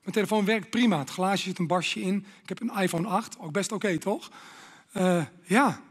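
A man's voice: sits high, moderate pace, breathy edge, big-room sound. A Dutch man preaching a sermon, dramatic, acting out inner voices and dropping to whispers.

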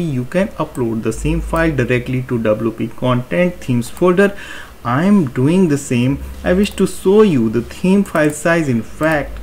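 A man's voice: medium pitch, darkish tone, slight background noise. Man explaining a website theme setup. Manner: explanatory, step-by-step, repetitive phrasing. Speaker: WordPress tutorial presenter. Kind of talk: screen-recorded tutorial walkthrough.

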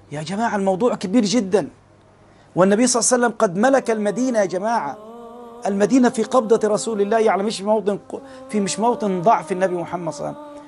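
A man with an Egyptian Arabic accent delivering an impassioned sermon, swinging between loud and soft. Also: sits high, slight background noise. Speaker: preacher.

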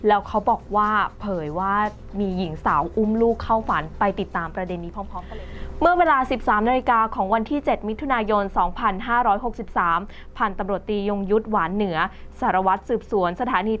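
A woman with a mid-range, fairly bright voice reads the news in a conversational style, using polite particles often. The recording is slightly dull, with faint music in the background.

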